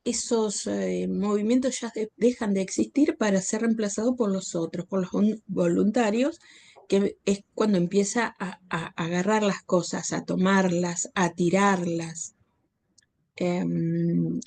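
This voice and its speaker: A woman student answering in an online class over a video call, hesitant with many pauses and restarts. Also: on the low side, gravelly, dark tone. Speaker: course participant.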